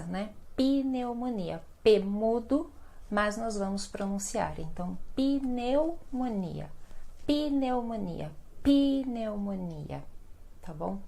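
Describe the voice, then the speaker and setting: A Brazilian woman teaching pronunciation at a very unhurried pace, holding each word out and saying it again. Her pitch sits in a middling range, and she keeps checking in with the listener with little tag questions. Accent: Brazilian Portuguese. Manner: repeats words slowly and tags phrases with "né?" and "tá?". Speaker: Portuguese teacher. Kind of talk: slow, deliberate pronunciation lesson.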